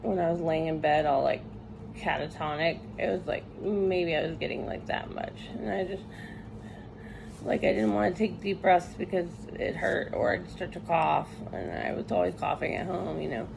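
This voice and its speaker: Woman, post-surgery patient vlogger, weak and weary, gravelly fry, halting casual delivery over clear background noise. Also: fairly low pitch. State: tired, recovering from surgery. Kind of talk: casual chat to camera. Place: hospital room.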